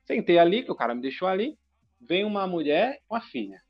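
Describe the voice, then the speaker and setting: A man telling a long personal story in a casual, animated and profane way, talking in short bursts. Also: high-pitched, a little fast. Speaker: podcast guest telling a story. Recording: dull lo-fi sound with faint music.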